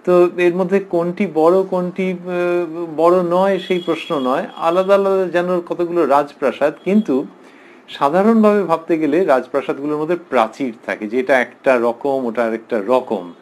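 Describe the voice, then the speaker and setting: A man with a Bengali accent giving a slow, explanatory spiritual discourse, reading passages aloud and commenting on them. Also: on the high side, darkish tone, rough recording. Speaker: lecturer on scripture.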